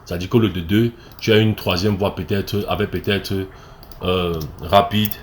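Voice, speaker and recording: A man's voice: deep voice, steady tone, normal speed, slight background noise. A man with a Cameroonian French accent, an acting coach explaining step by step, with fillers and restarts and frequent "ok?" checks. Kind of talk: screen-recorded tutorial.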